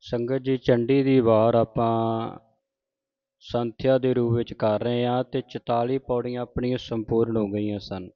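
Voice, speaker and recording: A man teaching scripture pronunciation, reciting verses slowly in a measured chant and stopping to correct words. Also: medium pitch, flat delivery, dry recording, lo-fi sound. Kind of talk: slow recitation lesson with corrections.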